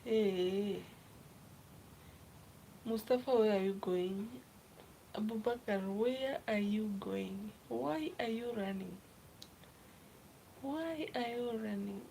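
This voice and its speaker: A young woman from Kenya chats on a live stream in a slow, unhurried way, greeting viewers and reading their comments aloud. She often slips into a soft, half-whispered voice at a mid pitch. Faint noise hums behind her phone recording. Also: creaky, rough recording. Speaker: livestreamer. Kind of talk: casual live stream chat.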